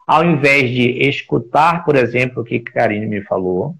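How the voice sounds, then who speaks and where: A man's voice: medium pitch, expressive, normal speed, creaky, a bit bright. A man with a Brazilian Portuguese accent giving a reflective explanatory talk in a live stream, often restarting phrases and posing rhetorical questions. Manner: reflective, searching for words, with frequent restarts; builds points with rhetorical questions. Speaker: speaker on workplace listening.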